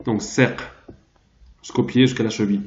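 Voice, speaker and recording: A man teaching a translation lesson, pausing often and searching aloud for the right word. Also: lowish voice, steady tone. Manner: hesitant, searching aloud for words. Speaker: Arabic teacher. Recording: roomy, dull lo-fi sound.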